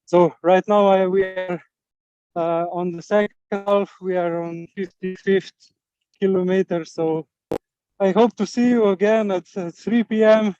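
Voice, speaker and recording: Hesitant, slow-talking man, soft and dull-sounding. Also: high-pitched, steady tone, clean tone, no echo. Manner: hesitant, halting with many fillers. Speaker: community co-founder, life coach. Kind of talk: casual video message. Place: outdoors in woods, running.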